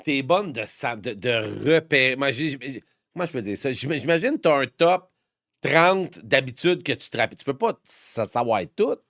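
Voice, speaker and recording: A man's voice: mid-range voice, animated, normal speed, a bit bright, no room sound, clean studio sound. A man with a Québécois French accent hosting a podcast, reacting expressively and restarting his sentences as he talks. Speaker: podcast host. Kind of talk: casual podcast conversation.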